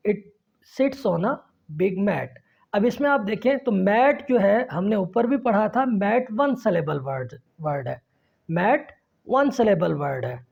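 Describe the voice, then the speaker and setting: A woman's voice: mid-range voice, expressive, a little slow, creaky. A woman teacher explaining a lesson, spelling words out letter by letter and repeating each example. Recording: dull lo-fi recording.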